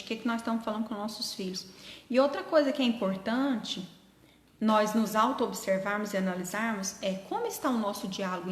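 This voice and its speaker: A middle-aged woman hosting a live stream, speaking gently and earnestly and answering her viewers' comments. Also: mid-range voice. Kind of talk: casual live chat with viewers. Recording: echoey room with long reverb.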